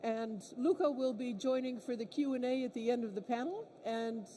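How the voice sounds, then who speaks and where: Friendly woman hosting a conference, mellow warm tone, introduces everyone on stage. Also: on the high side, moderate pace, slight background noise. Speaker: conference host.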